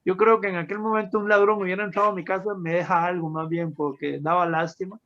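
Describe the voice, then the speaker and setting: A man's voice: high voice, steady tone, fast, a bit bright. A man telling his personal testimony to an audience, emotional and storytelling, calling his listeners friends. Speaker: testimony speaker. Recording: dull lo-fi sound.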